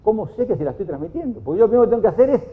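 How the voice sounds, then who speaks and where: A man with an Argentine Spanish accent gives an animated conference talk in a high-pitched, racing voice, leaping into loud shouts whenever he quotes people. The lecture is lively with acted-out quotes, recorded in an echoey hall with thin, phone-like sound.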